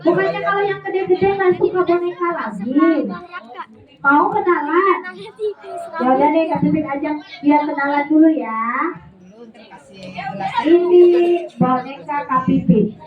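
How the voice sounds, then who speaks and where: A woman's voice: high-pitched, a little slow, pauses often, echoey room, phone-quality sound, a crowd in the background. A young woman entertaining children at a religious school gathering, coaxing them in a sing-song teacher voice.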